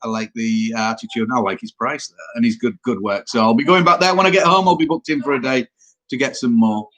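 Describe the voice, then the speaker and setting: Yorkshire man, trucker host of a live Q&A, loose rambling delivery, mid-pitched everyday voice. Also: fast talker, fairly bright tone. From Yorkshire, England. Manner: rambling, answers viewer questions aloud. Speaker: truck driver hosting a live Q&A. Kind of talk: casual live-stream chat.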